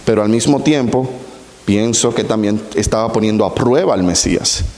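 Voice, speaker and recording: A man preaching a sermon, explaining scripture slowly and deliberately with rhetorical questions. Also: lowish voice, darkish tone. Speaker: pastor. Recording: roomy echo with long hall reverb.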